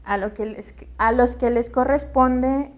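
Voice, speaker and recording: A woman's voice: on the high side, unhurried. A woman teacher with a Mexican Spanish accent lecturing a class in a classroom, patient and checking understanding with questions.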